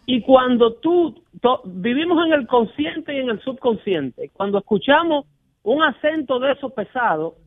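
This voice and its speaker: A high-pitched man hosts a radio show, pushing his opinions hard. He often acts out the callers he quotes. The line is narrow and phone-like, with no room sound at all. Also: no echo. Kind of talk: casual radio talk.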